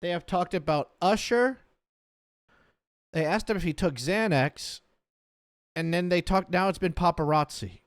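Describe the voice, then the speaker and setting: A man's voice: sits high, measured pace, long pauses, no echo. A man hosting a reaction video, making sarcastic, jokey asides in casual commentary. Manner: jokey, sarcastic asides over a played clip.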